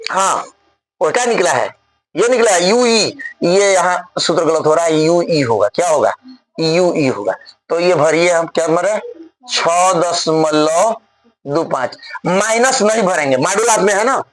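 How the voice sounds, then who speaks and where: Man teaching physics, high voice, slow deliberate delivery, step-by-step board work, checks the class often. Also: no room sound, poor audio. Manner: explains step by step, often asks the class if they follow. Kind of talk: classroom lecture solving a problem on the board.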